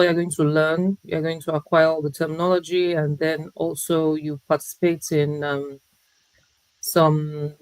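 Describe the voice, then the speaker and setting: Measured woman guest, dry sound. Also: low voice, a little mellow, dry recording, low-quality recording. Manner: reflective, measured, with frequent pauses. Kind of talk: interview conversation.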